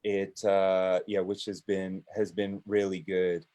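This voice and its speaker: Speaking as a guest on a panel discussion, this business owner has a low, dark voice and a flat, slow delivery. He hesitates throughout, with frequent restarts and fillers.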